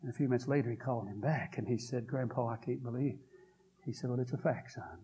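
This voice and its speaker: A man's voice: mid-range voice, quick pace, muffled recording, a little hiss or hum. A man preaching a sermon, retelling a story with impassioned, rising delivery. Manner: impassioned, rising to loud fervent peaks while retelling quotes.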